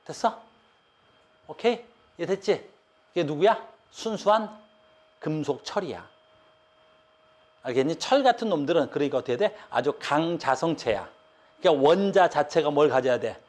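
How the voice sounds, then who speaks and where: A man teaching an online physics lecture in casual speech, often telling students to look and asking whether they understand. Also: on the high side. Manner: repeats "봐" and "알겠니?" checks to students; casual speech, explaining with drawings.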